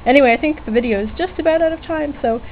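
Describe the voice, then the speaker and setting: Over soft background music, a high-voiced woman rattles off a rapid-fire, casual DIY electronics demo, unscripted and chatty yet hesitant, often correcting herself. The recording is tinny, lo-fi webcam-era audio with background noise.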